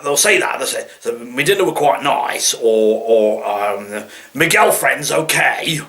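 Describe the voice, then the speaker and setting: A comic dialect vlogger with a Nottingham East Midlands accent delivers a rambling monologue to viewers, grumbling in mock annoyance and stammering over repeated words as he digresses. His mid-range voice is fairly bright, with vocal fry.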